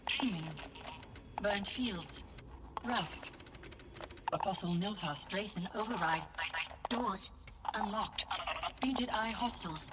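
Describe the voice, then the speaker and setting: A woman voicing a malfunctioning female security construct, speaking in clipped, glitching error reports and whispered status lines. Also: mid-range voice. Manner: terse machine status reports, some whispered. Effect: glitching robot voice, clipped error announcements. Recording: game audio with loud background noise.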